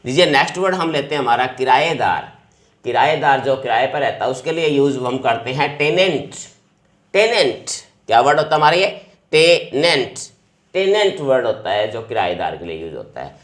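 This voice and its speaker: A man teaching English words, repeating each term with a lifted, louder emphasis before checking that students follow. His voice sits at an everyday middle pitch. The recording carries a noticeable room echo. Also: lively intonation, brisk. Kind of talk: vocabulary lesson. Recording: echoey room.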